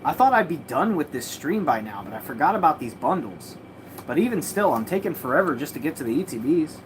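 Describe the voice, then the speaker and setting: A woman with a lowish voice rambles through a casual livestream, slangy and quick to swear as she rips open card packs. Faint noise from a party next door hums behind her in a home room with a mattress against the wall. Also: very animated. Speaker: streamer opening trading card packs.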